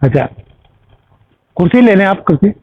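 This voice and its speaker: A man's voice: high voice, sing-song, moderate pace, slight background noise. A man teaching an Arabic class, explaining grammar patiently with examples and checking that students follow. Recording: tinny phone-like recording.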